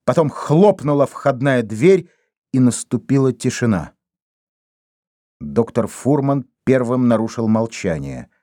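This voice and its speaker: Male audiobook narrator, mid-pitched voice, dry close sound, steady reading. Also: measured pace, dry recording. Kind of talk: scripted narration.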